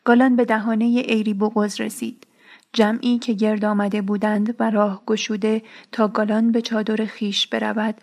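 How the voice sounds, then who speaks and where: A woman reading a novel aloud as an audiobook narrator, measured and steady. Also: medium pitch.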